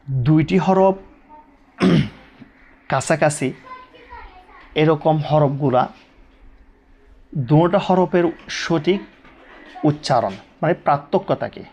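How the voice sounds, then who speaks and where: A male Quran teacher speaks at an unhurried, deliberate pace. He drills each letter sound again and again, stretching it out so learners can follow. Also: mid-range voice, darkish tone, a little hiss or hum. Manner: stretches and repeats each sound many times. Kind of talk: Quran recitation lesson.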